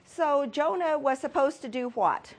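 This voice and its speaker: Woman teaching bible study, bit high voice, quizzes the class, laughs a lot. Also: lively intonation, measured pace. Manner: quizzing, upbeat, laughs easily. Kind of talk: classroom Bible lesson with questions.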